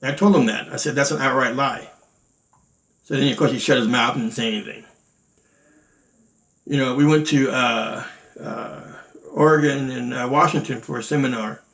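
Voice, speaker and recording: A man's voice: mid-range voice, steady tone, moderate pace, creaky, long pauses, a bit bright, rough recording. Blunt, indignant man telling his side. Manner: blunt and indignant, swears freely, many fillers. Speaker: martial arts instructor recounting events. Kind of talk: candid storytelling.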